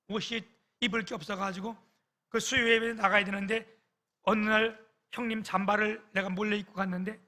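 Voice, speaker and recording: Bright, high-voiced male pastor preaching. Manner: storytelling with emotional swings and quoted voices. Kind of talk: sermon.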